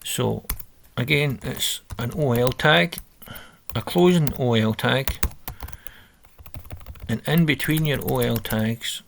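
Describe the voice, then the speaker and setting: A man's voice: medium pitch, slow pace, creaky, long pauses, slight background noise. A man talking through a coding exercise on a screen recording, reading out steps and correcting himself as he goes. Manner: thinking aloud, self-correcting, reading instructions. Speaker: coding tutor. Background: keyboard typing.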